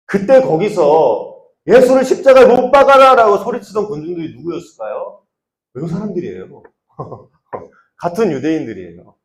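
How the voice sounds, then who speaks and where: A youth pastor preaching to teenagers in a roomy church room, his voice high and full of lively swings. He draws the students into responses and acts out the shouts of the crowd. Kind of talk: sermon to teenagers.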